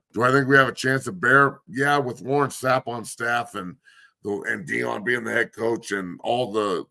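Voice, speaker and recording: A man's voice: fairly low pitch, vocal fry, a bit bright. A man hosting a sports talk show, breaking down football schemes in a blunt, profane, coach-like way while losing his voice.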